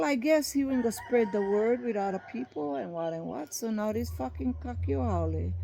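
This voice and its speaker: A woman's voice: on the high side, vocal fry, warm tone. An older woman with a Hawaiian Pidgin accent, ranting in a blunt, profane, heated monologue for her video. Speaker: vlogger recounting a dispute. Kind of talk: angry monologue vlog.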